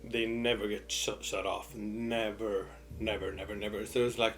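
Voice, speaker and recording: A young man telling a casual personal story, repeating words for emphasis and acting out both sides of conversations in an animated way. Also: fairly low pitch, moderate pace, a little hiss or hum. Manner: animated retelling with repeated words and quoted dialogue. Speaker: mukbang storyteller.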